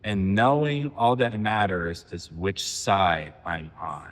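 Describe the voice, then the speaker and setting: A man in his forties giving a poetry reading, with halting, filler-heavy asides between poems. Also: low voice, long reverb tail, slight background noise. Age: 40s. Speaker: poet. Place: reading venue.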